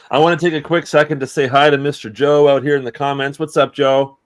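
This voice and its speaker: A man co-hosting a casual livestream chat, easygoing and quick to laugh and agree. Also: on the high side, fairly even intonation. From Southern Ontario.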